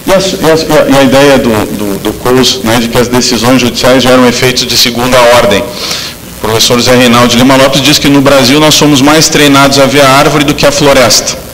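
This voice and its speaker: A man's voice: medium pitch, fairly even intonation, a little fast, a bit bright, long reverb tail, a little hiss or hum, rough recording. A man from southern Brazil giving an academic law lecture, speaking with frequent fillers and restarts. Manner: hesitant, many fillers and restarts.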